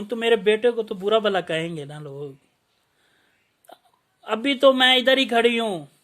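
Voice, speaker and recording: A man voicing an elderly mother who pleads softly and stays devoted to her son. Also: very high voice.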